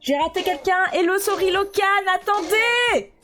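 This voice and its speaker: A woman's voice: very high voice, lively intonation, moderate pace, bright, forceful tone, soft background music. A woman streamer chatting live with her viewers, playful and exclaiming, pleading with her chat in mock despair.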